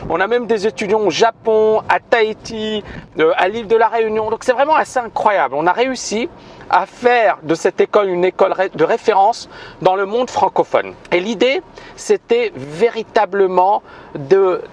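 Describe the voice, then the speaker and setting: In this spoken video announcement, a trading school's founder talks emphatically to viewers, often hesitating and repeating himself. His voice is high-pitched, and he keeps a moderate pace.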